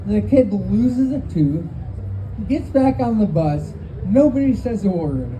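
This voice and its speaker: A woman's voice: medium pitch, animated, a little slow, dark tone, dull audio. A woman telling stories as a first-time stand-up comedian at an open mic, in a conversational, profane way. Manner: profane, conversational, acts out quoted dialogue. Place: live open mic venue. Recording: noisy live recording, background ambience.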